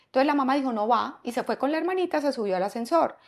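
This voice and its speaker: A woman speaking, her voice sitting a bit higher than most. She talks as a psychologist guest on a conversational podcast, laying out her points and tossing in rhetorical questions to keep the listener with her. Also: expressive, very fast. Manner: explanatory, asks frequent rhetorical questions. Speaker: psychologist and parenting expert guest.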